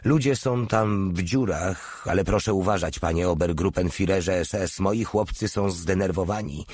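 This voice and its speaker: A man's voice: low-pitched, moderate pace, no echo. Man doing a cool mocking army captain. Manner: dry, mocking calm.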